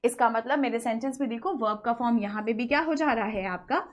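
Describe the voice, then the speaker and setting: A woman teaching English grammar in an online lecture, explaining in Hindi mixed with English, asking questions and answering them herself, and slowing down to read example sentences. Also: on the high side, lo-fi sound.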